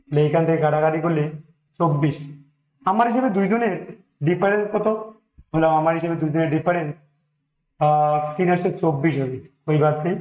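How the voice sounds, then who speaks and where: A man with a Bengali accent walks through percentage sums aloud as a maths teacher. He counts each step and mixes in English number words. His voice sits a little high for a man, and the room around him rings with echo. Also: brisk, pauses often, narrow, tinny audio. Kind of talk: exam-prep maths lesson, working problems aloud.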